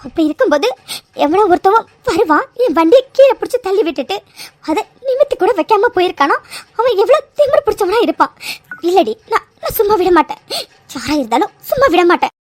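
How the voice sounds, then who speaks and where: A woman voicing a young, hardworking cartoon heroine with a hoarse sore throat and a fiery temper. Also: very high voice, sing-song, no echo. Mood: angry. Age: young adult. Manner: fiery, quick to pick a fight. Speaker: food delivery worker. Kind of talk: cartoon serial voice acting.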